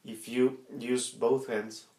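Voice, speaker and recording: An echoey room carries the voice of a man giving a practical lesson. He speaks slowly at a middling pitch, explaining each step haltingly and often repeating a word before going on. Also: level tone, very noisy. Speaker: instructor demonstrating body percussion sounds. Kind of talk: instructional demonstration.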